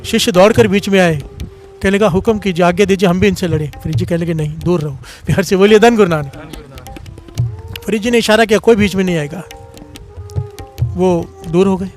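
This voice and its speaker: High-voiced man preaching a sermon. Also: brisk, long pauses, darkish tone, soft background music. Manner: storytelling, half-sung phrases, swells in pitch when moved. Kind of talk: devotional sermon with call-and-response.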